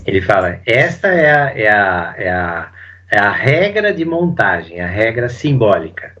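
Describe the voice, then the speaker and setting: A man, a psychoanalyst, giving a casual spoken seminar commentary, animated and full of fillers. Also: fairly low pitch, unhurried, muffled recording. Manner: animated, uses lots of fillers and acts out quotes. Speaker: psychoanalyst teaching Lacan.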